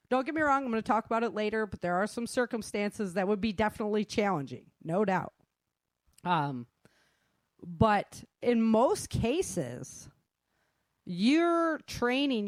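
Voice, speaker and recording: A middle-aged woman, a self-defense instructor, talks informally and acts out remarks as she tells stories. Her voice is medium in pitch, with no room sound.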